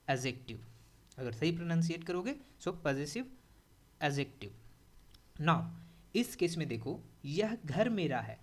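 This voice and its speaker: Indian man, young adult, upbeat grammar teacher, repeats and quizzes the class. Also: a little high. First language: Hindi. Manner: repeats key points, asks the class questions, animated.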